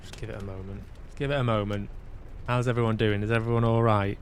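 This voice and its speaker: With background noise behind him, a man from Manchester, UK talks fast in a fairly low voice and a flat delivery. He hosts a casual gaming livestream, hesitating and musing aloud to himself.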